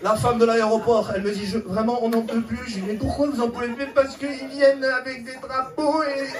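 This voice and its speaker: High-voiced man doing stand-up far from the mic. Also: little pitch movement, a little fast, noisy background. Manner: chatty, acting out characters. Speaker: stand-up comedian. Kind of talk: stand-up storytelling. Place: comedy club stage. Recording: far-off mic, roomy hall with loud crowd. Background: audience laughter.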